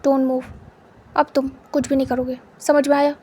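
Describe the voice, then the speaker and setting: Reserved young husband, stern but caring, hushed and high, a woman reading him in a story. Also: little pitch movement, normal speed, natural voice.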